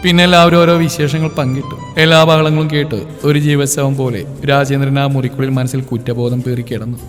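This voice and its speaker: A man reading out a story as its storyteller, with a steady, dramatic delivery. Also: medium pitch, a little fast. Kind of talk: scripted story narration. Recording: long reverb, soft music behind.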